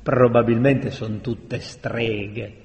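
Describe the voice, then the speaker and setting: Brief: hulking bearded thug, contemptuous, slow, echoey room, voiced by a male narrator. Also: mid-range voice, fairly even intonation, creaky, a little mellow. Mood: sneering. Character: burly bearded armed brute. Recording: long reverberant room sound.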